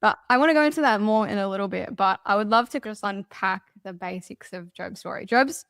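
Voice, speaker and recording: A woman's voice: mid-range voice, a little fast, fairly bright tone, clean tone, no room sound, clean studio sound. A woman hosting a podcast, asking questions in a conversational, thoughtful way. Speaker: podcast host. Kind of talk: podcast interview.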